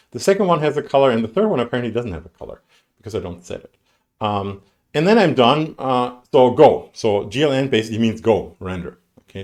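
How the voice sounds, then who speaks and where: A man's voice: medium pitch, a little mellow. A man giving a university lecture, talking conversationally with many fillers, restarts and dry sarcasm. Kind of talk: recorded lecture on graphics programming. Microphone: streamed lecture mic.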